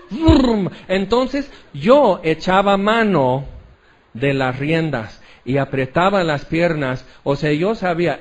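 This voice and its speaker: A male pastor delivers a sermon full of stories and playful acted-out moments. His voice sits high for a man, and he shifts freely between teaching and storytelling. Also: muffled recording. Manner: animated storytelling with acted-out asides.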